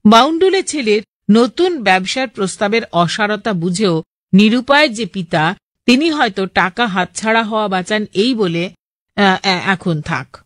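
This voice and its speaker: A woman presents a radio programme, reading listeners' letters in a steady, clear voice. Her pitch sits in the middle of the usual range. The studio sound is close and completely dry. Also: moderate pace, no room sound.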